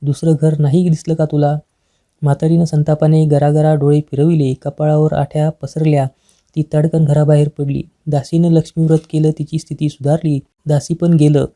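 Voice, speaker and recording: Female storyteller, very dark mellow tone, flat steady delivery, devotional tale narration. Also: sits low.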